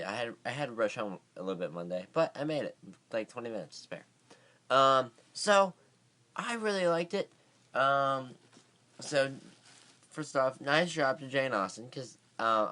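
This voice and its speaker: A man's voice: medium pitch, a bit bright. A man giving a casual vlog movie review, rambling with many fillers and restarts, and sounding tired.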